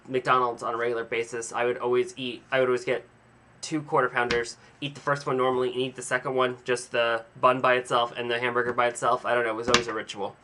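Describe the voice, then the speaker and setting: A man's voice: mid-range voice, slight background noise. A young man casually telling a rambling, self-mocking story to a camera in his home vlog. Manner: chatty, animated, self-mocking. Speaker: vlogger.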